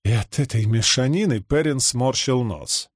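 A man's voice: medium pitch, normal speed, dry recording. Male audiobook narrator, dry sound. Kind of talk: scripted narration.

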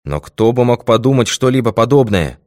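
A man's voice: mid-range voice, expressive, moderate pace, darkish tone, no echo, studio quality, voice pushed up, close to an everyday voice. A man reading the lines of a puzzled, careful male army doctor in a storybook tale.

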